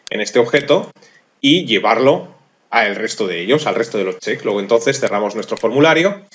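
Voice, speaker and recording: A man's voice: fairly low pitch, expressive, moderate pace, dull audio. Methodical man narrating a screencast. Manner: methodical, thinks aloud, self-deprecating about his typing. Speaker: programming course instructor. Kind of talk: screencast tutorial walkthrough.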